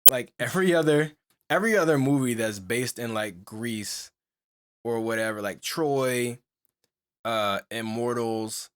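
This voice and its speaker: Unhurried and clear, with a resonant tone in the mid range, a young man co-hosts a podcast. The chat is casual and rambling, full of "like," fillers, and restarts, broken up by frequent laughter.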